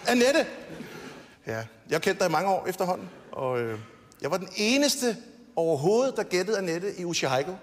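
A man's voice: sits high, very animated. A man giving a roast speech on stage, teasing the guest and laughing at his own jokes. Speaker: roast speaker. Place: TV studio stage with audience. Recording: long hall reverb, faint noise.

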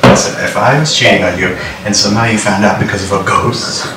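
Guy in his 30s joking around at home, low voice, loud noise in the background. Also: fast talker. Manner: dry joking. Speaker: husband. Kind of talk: casual banter. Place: hallway at home, indoors. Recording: echoey room, voice a bit far from the mic, loud noise behind.

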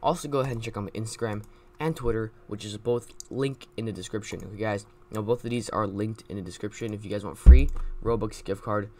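A young man talking over his game in a casual commentary, looping the same plugs and fillers again and again. His voice sits a little low. Soft keyboard tapping and faint noise stay behind him. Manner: repetitive, fast promo patter with many fillers. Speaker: gaming YouTuber.

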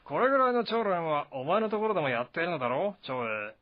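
A booming, swaggering warrior general, as a man reading a novel aloud puts him on, gruff and blunt, pitched well above the reader's own voice. His lines are forceful and loud. The recording is dull and lo-fi. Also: very animated, quick pace. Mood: boisterous.

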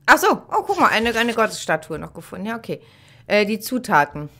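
A woman's voice: medium pitch, sing-song, brisk, sharp tone. A middle-aged woman playing a horror game, thinking aloud in casual commentary on a headset mic. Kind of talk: casual let's play commentary.

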